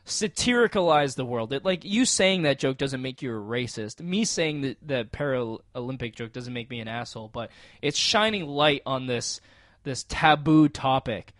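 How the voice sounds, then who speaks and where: A man's voice: mid-range voice, animated, moderate pace, fairly bright tone, dry recording, studio quality. A man co-hosting a podcast, talking in an enthusiastic, emphatic way in casual chat. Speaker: podcast co-host.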